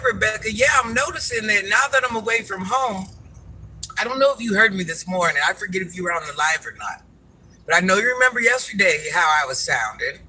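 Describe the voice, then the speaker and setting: This livestream host talks from his car once work is done, greeting viewers by name, drifting off topic and referring to himself as granny. He has a high voice, the recording is rough, and a constant car hum runs underneath.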